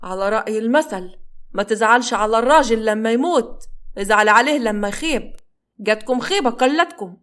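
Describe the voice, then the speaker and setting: Woman doing a loud nagging mother-in-law. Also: mid-range voice, lively intonation, quick pace, natural voice. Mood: scolding. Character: shrill scolding Upper Egyptian mother-in-law.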